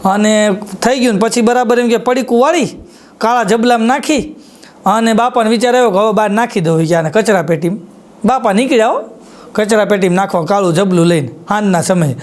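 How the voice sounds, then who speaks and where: This is live stand-up from a male folk comedian whose Kathiyawadi Gujarati accent colors his folk jokes. His voice sits high and moves briskly as he performs a range of quoted voices and says his punchlines more than once.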